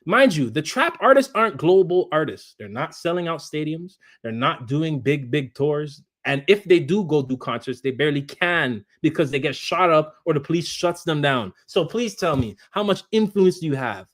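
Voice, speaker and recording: A man's voice: fairly high pitch, lively intonation, normal speed, few pauses. A man live streaming, ranting combatively at his chat and repeating his jabs. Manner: combative, repetitive, talks straight at chat. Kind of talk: heated live-stream rant.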